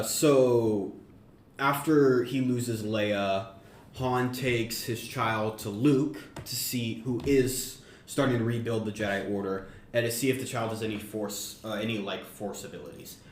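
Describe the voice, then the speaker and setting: A man co-hosting a podcast, pitching a story idea in a meandering, self-correcting casual chat. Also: fairly even intonation, takes it slowly. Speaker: podcast co-host. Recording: roomy echo, faint background noise.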